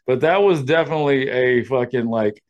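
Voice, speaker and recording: His voice is mid-range, strong and loud, delivered at a normal speed through audio missing the upper frequencies. This man co-hosts a podcast, spinning casual, comedic workplace tales full of rambling jokes and swearing.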